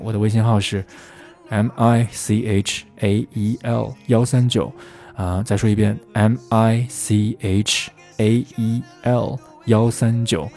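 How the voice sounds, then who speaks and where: A man hosting a podcast who explains English pronunciation in a relaxed, chatty, rambling way. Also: lowish voice. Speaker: English teacher, podcast host.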